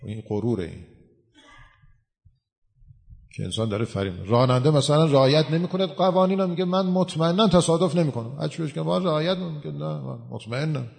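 Gravelly man preaching in reverberant hall. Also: mid-range voice, a little mellow. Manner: explanatory, uses everyday examples. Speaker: cleric answering questions. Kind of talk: religious talk to a gathering.

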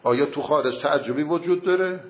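In a seminary classroom debate over grammar and logic, a man patiently explains and argues his point, leaning on rhetorical questions. His voice sits slightly high, and the recording has its highs cut off.

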